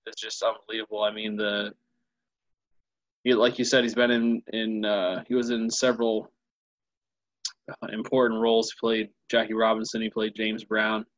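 A man's voice: fairly low pitch, monotone, normal speed, pauses often, dry recording. A man co-hosting a movie podcast in casual chat, with a dry, wry humor. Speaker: podcast co-host. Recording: dull, dry lo-fi mic.

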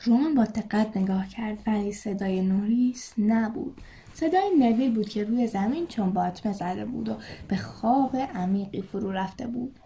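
A woman reading a storybook aloud with measured, expressive narration. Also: medium pitch. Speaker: reader.

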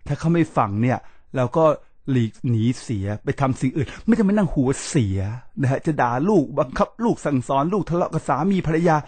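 A man's voice: on the high side, very animated, fairly quick, a little mellow, husky, dry recording. A man quoting his elderly mother, giving terse, blunt advice in his own voice.

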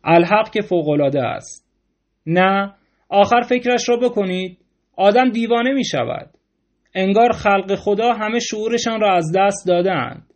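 A scornful aristocratic hostess full of mocking indignation, read out by a man. The voice sits fairly high, and the reading is an audiobook-style performance of a storybook salon scene. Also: natural voice. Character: scornful aristocratic hostess, woman, middle-aged.

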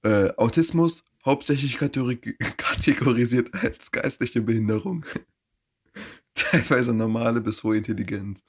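A young man in casual chat, reading out facts haltingly and laughing. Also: medium pitch, husky.

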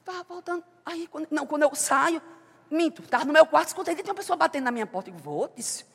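A high-pitched woman preaches in a church, her voice carrying a long hall reverb. She moves between loud, fervent exclamations and quiet, intimate storytelling as she shares testimony. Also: expressive, racing, vocal fry. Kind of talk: sermon with personal testimony.

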